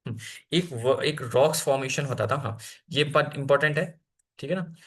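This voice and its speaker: A man's voice: medium pitch, moderate pace. Chatty Hindi-speaking coaching teacher, man. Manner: chatty, frequent fillers and self-corrections, mixes in English terms. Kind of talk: casual Hindi lecture over slides.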